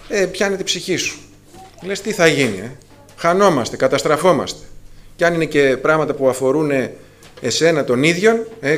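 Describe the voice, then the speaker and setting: A man's voice: on the high side, fairly bright tone. Fervent man preaching a sermon. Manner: addresses listeners as brothers, rising to fervent emphasis; many filler sounds and restarts. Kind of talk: sermon to a congregation.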